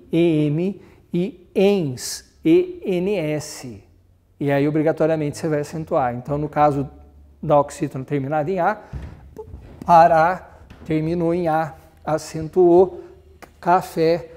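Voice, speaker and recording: A man's voice: fairly high pitch, warm tone. A man with a Brazilian Portuguese accent teaching a grammar lesson, explaining step by step, giving examples and spelling words out.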